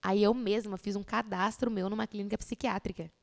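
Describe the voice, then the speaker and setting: Fast-talking young woman, gravelly. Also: mid-range voice, in a large hall. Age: young adult. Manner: animated storyteller who acts out other people's lines. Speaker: podcast guest. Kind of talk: personal testimony in casual chat.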